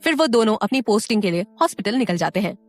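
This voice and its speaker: A woman's voice: mid-range voice, lively intonation, quick pace, soft background music. A woman narrating a scripted audio story, with friendly asides to the listener.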